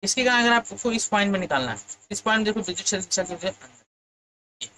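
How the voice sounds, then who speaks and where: A man's voice: sits high, rapid-fire, bright, forceful tone, slight background noise, rough recording. Man teaching physics, asking and answering. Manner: asks students questions and answers them himself. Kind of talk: board-exam physics lesson.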